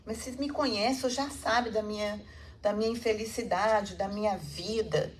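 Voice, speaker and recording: A woman's voice: medium pitch, normal speed, slight background noise, natural voice. A woman voicing a weary, ashamed woman who speaks of herself with despair and self-reproach.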